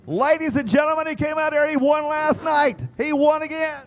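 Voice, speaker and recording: A man announcing live at a race track in a booming, pumped-up voice, calling out cars and winners to the crowd. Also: fairly even intonation, normal speed. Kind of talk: live race commentary and victory lane announcing. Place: outdoors at a speedway.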